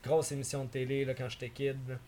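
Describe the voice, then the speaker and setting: A man in his thirties with a Québécois accent, a podcast guest who rambles through animated stories and mixes in English slang. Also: mid-range voice, fast, slight background noise. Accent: Québécois French. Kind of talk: casual podcast chat.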